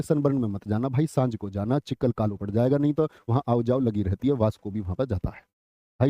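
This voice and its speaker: A man with a medium-pitched, dark voice teaches a live online exam class, drilling memory tricks. He calls students brother and scolds them, then turns it into a joke. The recording sounds dull, lo-fi, and dry.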